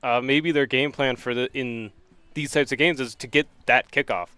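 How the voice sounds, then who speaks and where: Dude calling esports plays, smooth clear voice, dry close sound, jokey. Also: male voice, mid-range voice, normal speed, dry recording. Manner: relaxed, joking, bursts into excited shouts. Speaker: esports play-by-play commentator. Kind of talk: casual live play-by-play.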